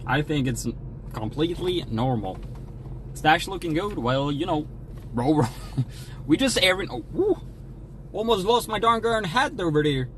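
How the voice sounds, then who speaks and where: A man's voice: fairly high pitch, very animated, a little slow, long pauses, a bit bright, slight background noise, low-quality recording. A young man livestreaming, chatting casually while eating, in a jokey, folksy put-on American drawl. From Sweden. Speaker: streamer.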